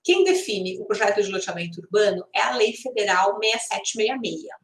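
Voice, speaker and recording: A woman's voice: medium pitch, animated, moderate pace. A Brazilian woman hosting an informal explanatory live stream, speaking conversationally with frequent tag questions. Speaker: live stream host and instructor. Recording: echoey room sound.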